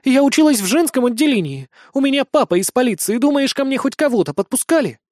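Man doing a squeaky sassy blonde girl soldier. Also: very animated, fast talker, a little mellow, dry recording, studio quality. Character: bold tipsy young blonde woman soldier.

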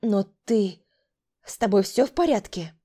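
A woman's voice: mid-range voice, animated, measured pace, mellow, breathy edge. Woman voicing an anxious, imploring mother. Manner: imploring, flustered. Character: anxious protective middle-aged mother.

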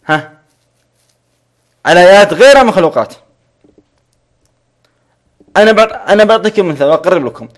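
A man teaching a grammar lesson, repeating each point slowly and checking that students follow. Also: high voice, lively intonation.

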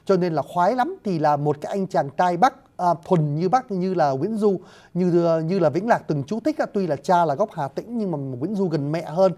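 Man lecturing slowly, with a dark mellow voice. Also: high voice, expressive. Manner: addresses listeners as "thưa quý vị", explains word by word; hesitant fillers, slow deliberate explaining. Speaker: lecturer on classical poetry. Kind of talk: spoken literature lecture.

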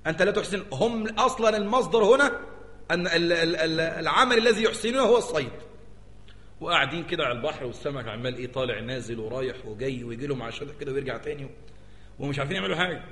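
Fast, animated Egyptian sheikh in an echoey hall. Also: male voice, on the high side. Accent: Egyptian Arabic. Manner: animated, keeps asking the audience rhetorical questions. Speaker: sheikh teaching jurisprudence. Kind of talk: religious lecture. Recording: echoey hall with long reverb.

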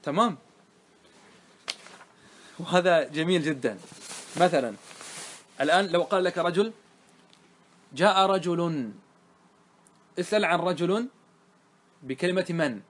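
A man's voice: high voice, unhurried, long pauses, a bit bright, slight background noise. A man teaching grammar in a classroom lesson, quizzing his students again and again. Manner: quizzing students with repeated questions.

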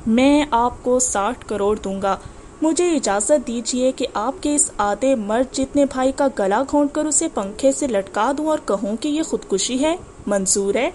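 A woman's voice: on the high side, a little mellow, slight background noise, close to an everyday voice. A woman voicing a defiant, indignant young man in an audiobook, speaking firmly and heatedly.

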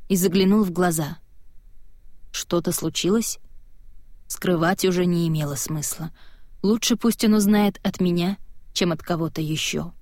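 A woman's voice: on the low side, a little mellow, dry recording, studio quality. Woman narrating an audiobook. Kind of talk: first-person audiobook narration.

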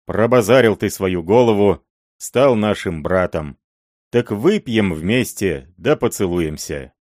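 A man voicing a huge, brash, drunken robber who speaks loud and overly familiar. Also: on the low side, lively intonation, takes it slowly, no room sound, studio quality. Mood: boisterous.

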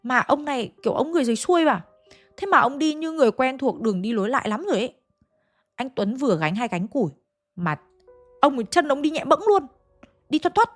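Lady telling a ghost story, chatty, talks right to you, soft music under. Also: high-pitched, very animated, fast, pauses often, no echo, studio quality. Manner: chatty, addresses listeners directly.

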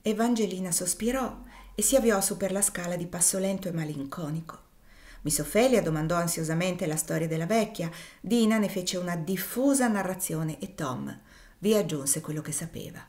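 Woman, audiobook narrator, classic novel, measured, expressive. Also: on the low side. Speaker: audiobook reader.

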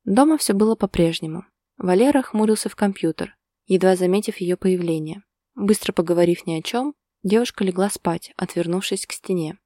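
A woman narrating a story in a calm, even storytelling manner. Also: lowish voice, fairly quick, no echo, studio quality.

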